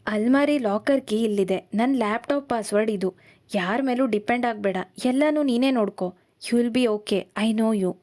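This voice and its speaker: A woman voicing a calm, gentle young husband in a storybook reading, speaking softly and steadily. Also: on the high side, moderate pace, lightly acted. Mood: gentle reassurance.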